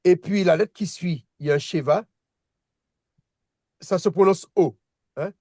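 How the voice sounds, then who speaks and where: A man's voice: high-pitched, measured pace, warm tone, no room sound. Hesitant male teacher, dry close sound. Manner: hesitant, frequent restarts and repeated words; patient, checks understanding with "d'accord?". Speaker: Hebrew teacher. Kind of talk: casual online lesson.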